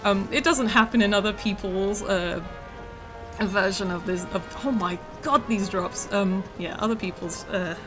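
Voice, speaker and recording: A woman game developer with a scratchy, rough voice from feeling unwell, chatting casually through a livestream of her studio's game, with many ums and uhs. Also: medium pitch, unhurried, music in the background. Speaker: game developer streaming a demo.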